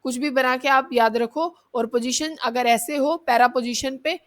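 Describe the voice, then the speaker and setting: A woman's voice: high voice, steady tone, moderate pace, fairly bright tone. A woman teaching an exam-prep chemistry lesson, explaining step by step and answering her own questions. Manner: explains step by step, keeps asking students questions and answering them herself; addresses students as kids, checks in with "theek hai".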